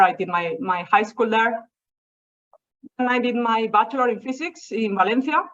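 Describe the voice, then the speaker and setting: A young Spanish woman with a Spanish accent tells stories in an informal seminar talk delivered over a video call. Her voice sits at medium pitch with a fairly bright tone, and the call audio sounds muffled.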